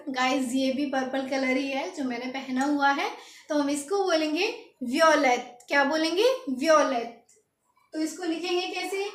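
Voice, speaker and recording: A woman teaching beginners, spelling words letter by letter and asking learners to repeat after her. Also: high-pitched. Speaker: French teacher. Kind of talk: lesson for beginners. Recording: echoey room.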